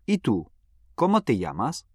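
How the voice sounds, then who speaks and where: Cheerful young Pedro. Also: male voice, medium pitch, wildly swooping pitch, a little mellow, no echo, full character voice. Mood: friendly. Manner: clear, careful delivery, numbers read slowly. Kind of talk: scripted exam dialogue. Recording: dry studio recording.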